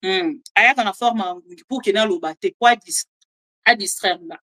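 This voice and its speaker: A woman with a Congolese French accent giving animated, chatty political commentary and joking asides to her viewers. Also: mid-range voice, moderate pace. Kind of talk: casual live commentary, French mixed with Lingala.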